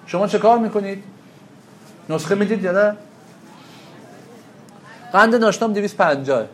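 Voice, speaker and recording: A man's voice: high voice, animated, fairly bright tone, reverberant, a little hiss or hum. A man teaching a class on traditional medicine, lecturing animatedly and asking his students questions that he answers himself.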